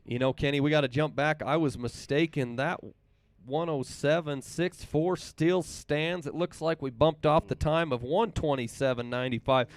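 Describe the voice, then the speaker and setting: A man announcing a live race, reading out times slowly and chatting in a folksy way between runs. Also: on the high side, fairly even intonation, no echo. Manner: reads race times slowly and repeats them. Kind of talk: live play-by-play commentary.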